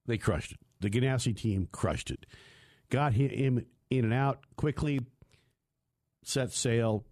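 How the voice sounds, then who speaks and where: A man's voice: medium pitch, a little mellow, no echo. A man hosting a motorsport radio show in a studio, telling stories in a rambling, self-mocking way. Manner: chatty, storytelling, self-mocking. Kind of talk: rambling casual radio talk.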